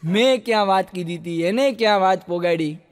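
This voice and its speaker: Stand-up comic, Kathiyawadi accent, high bright voice, long reverb of a stage hall. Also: male voice, a little fast. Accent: Kathiyawadi Gujarati. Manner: lively storyteller who acts out the people in his jokes. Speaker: stand-up comedian. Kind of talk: stand-up storytelling jokes.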